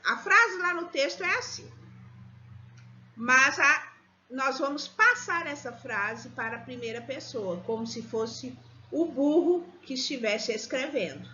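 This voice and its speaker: A woman teaching young children in a recorded remote lesson, patient and slow as she walks through each example. Her voice is bright and sits a little high. The recording is dull and lo-fi, with faint hiss and room ambience behind her. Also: animated. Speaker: primary school teacher.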